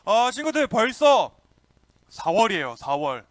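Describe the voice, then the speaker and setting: Lively high-voiced young man preaching to kids. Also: unhurried, dry recording. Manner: lively, calls out to kids and asks questions. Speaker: youth pastor. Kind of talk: children's sermon.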